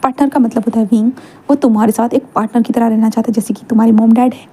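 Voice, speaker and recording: A woman's voice: on the high side, steady tone, very fast, warm tone, breathy edge. A woman voicing an easygoing middle-aged father who explains things in a chatty, coaxing way.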